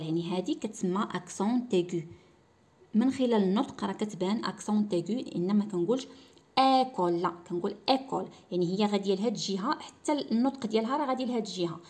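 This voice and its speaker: A woman teacher with a Moroccan Arabic accent gives a school lesson. She talks slowly and repeats words to model how they are said. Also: mid-range voice, darkish tone.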